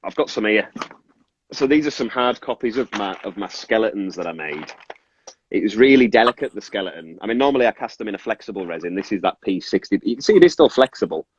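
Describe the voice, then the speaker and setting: A man's voice: fairly low pitch, lively intonation, fast, a little hiss or hum. A man from northern England with a Cumbrian accent touched by Scottish, casually explaining his craft in a rambling, self-interrupting way. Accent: Cumbrian northern English with Scottish influence. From Carlisle, Cumbria, northern England. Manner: rambling, self-interrupting, apologetic about tangents. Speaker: toy maker and resin artist, guest. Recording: muffled, echoey room sound.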